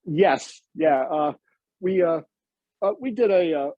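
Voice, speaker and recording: Slightly husky American man, dull lo-fi recording. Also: fairly high pitch, slow pace, no echo. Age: middle-aged or older. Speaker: interview guest. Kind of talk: casual interview chat.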